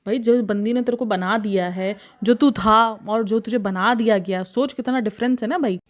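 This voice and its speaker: A woman reaction vlogger giving casual, gossipy commentary, animated and often exasperated. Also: on the high side, moderate pace.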